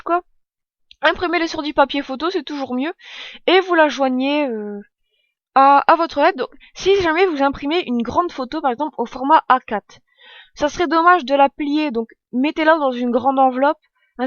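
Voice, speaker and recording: A woman's voice: high voice, no room sound, lo-fi sound. A woman in her twenties explaining a tutorial step by step in a chatty, self-correcting way. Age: 20s. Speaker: tutorial vlogger. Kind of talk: casual screen-recorded tutorial.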